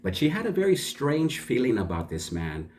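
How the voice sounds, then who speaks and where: A man's voice: mid-range voice, wildly swooping pitch, moderate pace, darkish tone, a little hiss or hum. A man telling a folk tale for learners in a chatty way, stopping to ask his listeners questions and explain words. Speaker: storyteller.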